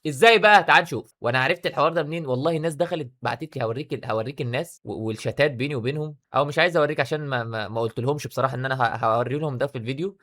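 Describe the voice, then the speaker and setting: A man with an Egyptian accent, talking excitedly in a casual commentary vlog. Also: mid-range voice. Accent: Egyptian Arabic. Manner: excitable, rapid-fire talk. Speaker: YouTuber.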